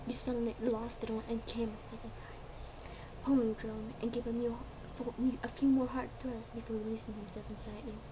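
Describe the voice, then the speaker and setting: A woman giving an amateur dramatic reading of a story, now and then stumbling over her words and repeating phrases. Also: a little high. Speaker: fan fiction reader. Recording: clearly noisy home recording.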